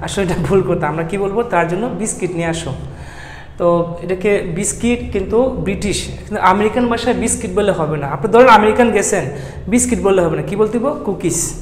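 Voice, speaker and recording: A male lecturer, giving a classroom English lesson. He keeps asking the class questions and answering them himself, and he spells words out slowly. His voice rings through a roomy hall with a long reverb. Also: high voice, a little hiss or hum. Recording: echoey room with long reverb.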